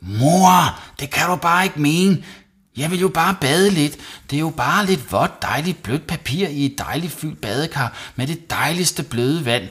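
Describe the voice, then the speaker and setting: A man's voice: mid-range voice, lively intonation, a bit bright, breathy edge, voice pushed up. A man reading a storybook and voicing a cheeky young boy who chatters eagerly and pleads. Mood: pleading.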